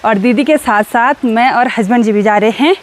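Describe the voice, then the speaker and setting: A woman's voice: on the high side, a little fast. A young woman from Uttarakhand, chatting cheerfully as she vlogs outdoors around her hill village on a phone camera. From Uttarakhand, India. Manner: chatty and cheerful, teasing with neighbours. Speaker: vlogger. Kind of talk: casual vlog narration and chat.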